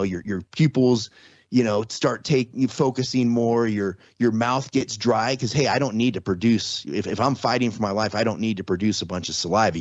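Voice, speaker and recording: On a podcast, a man who survived trauma and once worked as a security contractor chats casually, restarting and repeating phrases and regularly checking in rhetorically. His voice is on the low side, captured in lo-fi sound with no echo.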